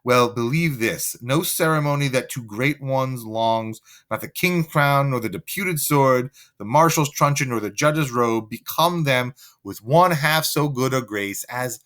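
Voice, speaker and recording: A man's voice: medium pitch, unhurried, hardly any pauses, a bit bright, natural voice. A man reading the lines of a young woman who pleads for her brother, in an earnest, impassioned way. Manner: earnest, pleading, rising and falling.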